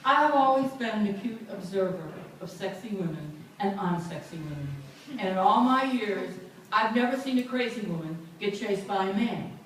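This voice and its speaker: A woman reading a memoir aloud at a book launch event, with lively, amused storytelling. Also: mid-range voice. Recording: echoey room, far from mic.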